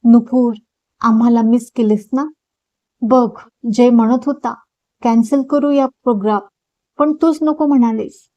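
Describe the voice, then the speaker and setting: A woman's voice: fairly high pitch, fairly even intonation, unhurried, dry recording, dull audio, natural voice. Woman reading as a soothing young woman friend. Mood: consoling. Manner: soothing, apologetic.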